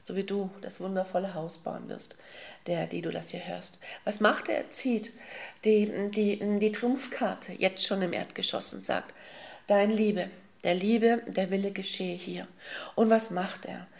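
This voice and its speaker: Speaking in a gravelly, creaky voice at an ordinary middle pitch, a woman teaches through a slow, emphatic parable. Her intonation is fairly even, and she tenderly calls listeners souls and beloved ones, humming softly between thoughts.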